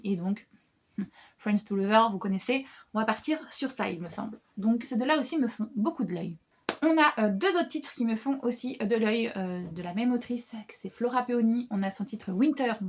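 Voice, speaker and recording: Chatty young woman with a bright voice. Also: a little high. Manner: chatty, many fillers and restarts, animated. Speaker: book vlogger. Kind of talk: casual book haul chat.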